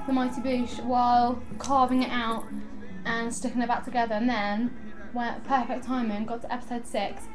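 A young woman talks straight to her camera in a casual vlog, her voice pitched high and bubbling with giggly, rambling excitement. Faint music hums underneath. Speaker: vlogger.

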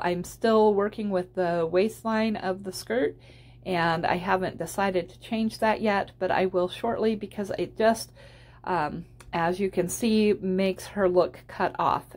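Woman, tutorial host, mid-pitched voice, casual step-by-step voice-over with an encouraging manner. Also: unhurried.

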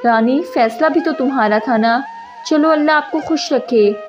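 A kind, concerned young man speaks softly, as a woman telling the story voices him. The pitch is high and the audio is muffled and lo-fi, with music running behind. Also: moderate pace, close to an everyday voice. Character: young man, the heroine's caring cousin.

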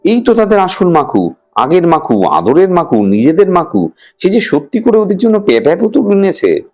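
Animated male storyteller. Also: high voice, normal speed, faint music behind. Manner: animated, sing-song reading. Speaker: story reader. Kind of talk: expressive storytelling narration.

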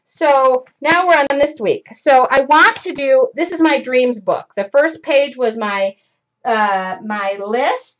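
Her voice is high-pitched and fairly bright, and she takes things slowly. She's a craft show host in her 40s demonstrating live from her home studio, rambling and breaking into her own sentences mid-task, captured by a webcam in front of her in dull lo-fi stream audio.

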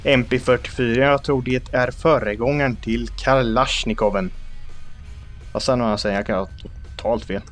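A young Swedish man hosting a let's play, joking about himself and yelling in panic at enemies. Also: medium pitch, fairly even intonation, soft background music. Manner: jumpy, self-mocking, shouts in panic at enemies. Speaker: gaming channel host.

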